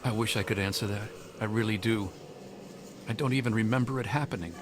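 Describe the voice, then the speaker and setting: Voicing a haunted, hungry young man in a video game, an actor confides hesitantly, earnest, troubled and reflective. He speaks briskly in a fairly low, natural voice, with music behind him and slight background noise.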